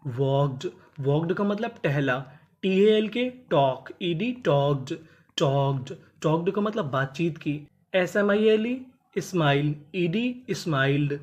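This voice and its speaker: A teacher spelling out English words letter by letter, sounding them out and then giving each word's meaning. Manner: drops pitch on the last word of each list. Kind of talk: spelling and phonics lesson.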